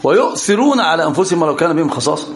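A man giving a religious lesson to students, animated and teasing as he teaches. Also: a little high, racing, a crowd in the background. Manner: animated, teasing, often laughing.

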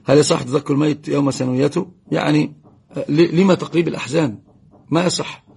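Fast gravelly religious teacher. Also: male voice, fairly high pitch, steady tone, a little mellow. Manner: rapid, greets and blesses viewers by name. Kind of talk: live Q&A lesson, answering viewer comments.

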